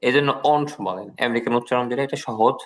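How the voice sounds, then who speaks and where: A man's voice: mid-range voice, fast talker. Man, Bangladeshi Bengali accent, English teacher, patient lecturing, repeats words with translations. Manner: patient, repeats each word twice with translation. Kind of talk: online class lecture.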